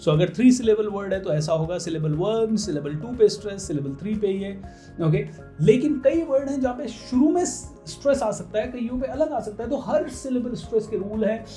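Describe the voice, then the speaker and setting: A man from India, coaching English pronunciation in a casual Hindi lesson and slowing right down to drill stressed syllables. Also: high-pitched, animated, mellow, reverberant, faint music behind.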